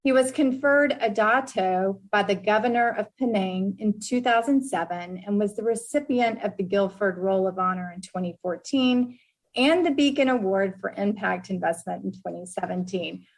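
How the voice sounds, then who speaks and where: A woman with a Tennessee accent speaks as a podcast host. Her voice sits at a medium pitch as she delivers prepared introductions and interview questions. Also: normal speed, rough recording. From Tennessee, United States.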